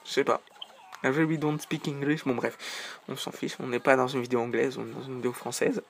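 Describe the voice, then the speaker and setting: A man's voice: mid-range voice, level tone, fast talker, vocal fry, a little hiss or hum. A man giving casual, joking commentary over a video game, rambling into side remarks. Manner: chatty, joking, rambling asides.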